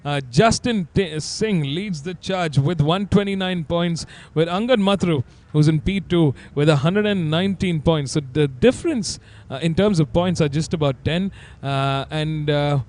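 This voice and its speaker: A man's voice: a little high, a little mellow. A man with an Indian accent giving live motorsport commentary in a punchy announcer delivery, with frequent hesitations. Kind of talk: live race broadcast commentary.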